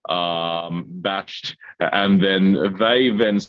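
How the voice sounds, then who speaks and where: A man's voice: low voice, steady tone, drawn-out words, dry recording, phone-quality sound. A man speaking on a video call whose audio breaks up and drops out, hesitant with many fillers. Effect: call audio breaking up and dropping out. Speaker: technology provider answering member questions. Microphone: computer or phone mic on a video call.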